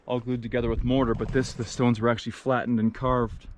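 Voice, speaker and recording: A man's voice: mid-range voice, flat delivery, fast, noisy background. A man eagerly exploring a castle ruin outdoors, talking to his camera, slightly out of breath and wondering aloud at what he finds. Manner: eager, wondering aloud, keeps saying look. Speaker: adventure vlogger. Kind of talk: excited exploration vlog.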